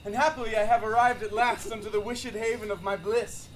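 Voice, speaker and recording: A man's voice: high voice, steady tone, brisk, a little hiss or hum, close to an everyday voice. A man playing an earnest young lover, declaiming in a live outdoor Shakespeare performance. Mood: pleading.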